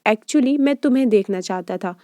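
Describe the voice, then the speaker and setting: A woman's voice: on the high side, moderate pace, warm tone, no echo, studio quality, natural voice. A woman reading as an earnest young suitor. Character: young man, shy boy turned bold suitor.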